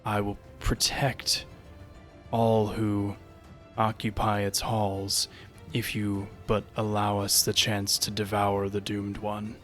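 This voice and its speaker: A man's voice: lowish voice, monotone, fairly bright tone, soft background music, pitched below the performer's own voice. A man voicing a menacing unearthly creature that makes solemn, eerie oaths in a tabletop game. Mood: ominous, solemn. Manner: slow, solemn, eerie oath-making.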